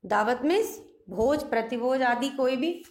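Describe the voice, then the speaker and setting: A woman's voice: high-pitched, expressive. A woman teacher leading a spelling lesson, reading each word out twice and explaining the corrections, with English phrases mixed into her talk. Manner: repeats each word twice, slow and deliberate.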